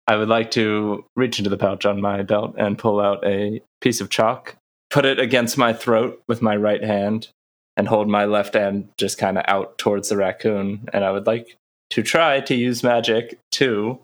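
A man's voice: fairly low pitch, little pitch movement, normal speed. A man chatting casually as a player in a tabletop game, describing his moves.

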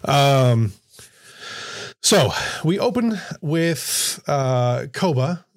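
A man's voice: medium pitch, big pitch swings, very slow, no room sound, studio quality. A man narrating a tabletop game as game master, hesitant, with many fillers and restarts. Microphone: streaming mic.

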